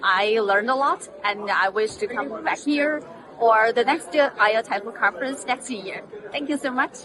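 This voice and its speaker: Halting woman from China at a conference. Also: on the high side, crowd noise. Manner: hesitant, halting, friendly. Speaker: conference attendee. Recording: crowded conference hall.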